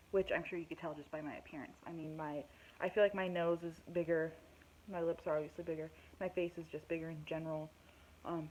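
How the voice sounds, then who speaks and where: A woman's voice: on the low side, a little hiss or hum, poor audio. A young woman giving a casual pregnancy update vlog, out of breath, rambling with lots of fillers and self-deprecating asides. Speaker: vlogger.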